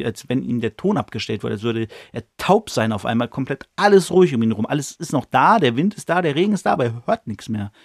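A man's voice: medium pitch, dry recording, clean studio sound. A man hosting a podcast, casually retelling a book chapter in a loose, slangy way with plenty of fillers. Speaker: podcast host.

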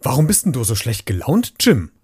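Man as cheerful stork, storybook, husky, lively, dry. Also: medium pitch, fairly quick, no echo, full character voice. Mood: wondering. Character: cheerful male marabou stork.

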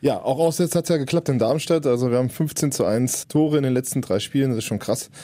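A man gives casual football analysis as a podcast co-host. His voice is mellow and dark, and he feels his way haltingly through sentences. The sound is very dry. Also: mid-range voice, no echo.

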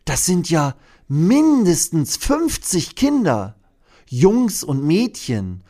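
Guy putting on a squeaky excited dino mascot, high and gushy, storybook style. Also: slow, heavily acted. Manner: high, gushing, wide-eyed. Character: excitable friendly dinosaur mascot.

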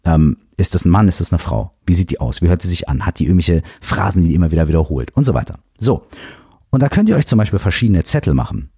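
Deep husky man hosting a podcast. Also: fast, dry recording, studio quality. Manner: animated, emphatic, casually swears. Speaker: podcast host. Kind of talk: casual self-help podcast talk.

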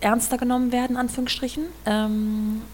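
A woman's voice: a little high, flat delivery, normal speed, a little mellow, slight background noise. Woman host asking friendly questions. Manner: friendly, probing questions with fillers. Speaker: podcast host. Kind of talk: conversational podcast interview.

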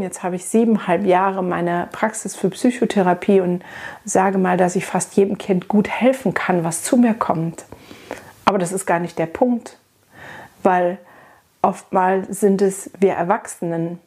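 A woman's voice: mid-range voice, darkish tone, slightly rough. A woman who works as a child and adolescent psychotherapist tells personal stories. She speaks earnestly and frankly and addresses the listener directly. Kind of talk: personal storytelling talk.

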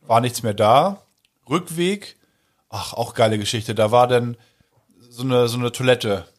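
A man co-hosting a podcast, telling a story in casual chat with loud exclamations. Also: medium pitch, a little slow. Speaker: podcast co-host.

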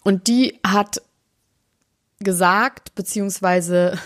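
A woman co-hosting a casual chat, gossiping in a lively, chatty way. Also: medium pitch, slow pace. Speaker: podcast co-host.

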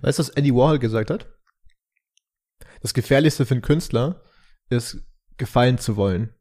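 A man's voice: mid-range voice, normal speed, a little mellow. A man chatting casually as a podcast co-host, making dry, wry remarks. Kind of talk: casual chat.

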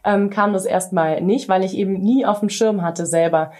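A woman's voice: medium pitch, moderate pace, dark tone. Woman, 30s, mayoral candidate being interviewed; hesitant, filler-heavy delivery. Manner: hesitant, many fillers and restarts. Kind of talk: interview answers.

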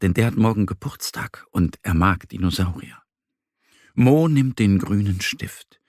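A man gently and expressively reading a children's story aloud. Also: on the low side, expressive, measured pace, no echo, clean studio sound. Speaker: narrator.

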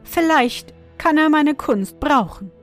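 A woman's voice: high-pitched, animated, slow pace, faint music behind, voice pushed up. A woman voicing a small dwarf who speaks politely and humbly.

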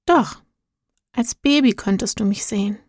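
A kind guardian angel from a storybook speaks slowly and soothingly, as a woman narrator puts him on. His soft words sit close and dry, with no echo around them. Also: fairly high pitch. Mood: gentle, reassuring. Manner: calm, soft and reassuring.

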